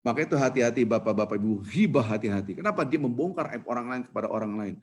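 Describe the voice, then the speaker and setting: Husky-voiced man preaching a sermon. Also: animated, fast talker. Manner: storytelling, acts out quoted voices with rising pitch. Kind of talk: Ramadan sermon. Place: mosque.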